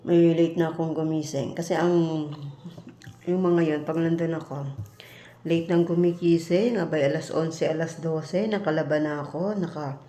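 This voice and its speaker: A woman's voice: low-pitched, normal speed. A woman from the Philippines, a domestic worker abroad, telling a story bluntly in a casual vlog and acting out the arguments she quotes. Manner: blunt, animated retelling with quoted exchanges. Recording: echoey room.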